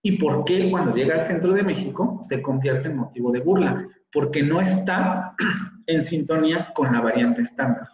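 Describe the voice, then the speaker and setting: A man with a Mexican Spanish accent gives a university lecture over an online class, his voice sitting a little higher than most men's. He explains patiently and keeps pausing to check that students follow. The sound is heavily echoey and somewhat dull, like a computer mic in a bare room. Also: darkish tone. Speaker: university teacher.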